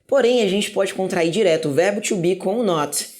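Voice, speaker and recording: A man from Brazil teaching an English grammar lesson in a casual classroom style. He talks to the viewers, says key words slowly and often checks in with "ok?". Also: high voice, a little mellow. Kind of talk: casual classroom explanation at a whiteboard.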